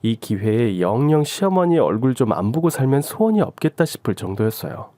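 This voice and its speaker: A man's voice: medium pitch, very animated, brisk, warm tone, dry recording. A man narrating a first-person story for a radio drama channel.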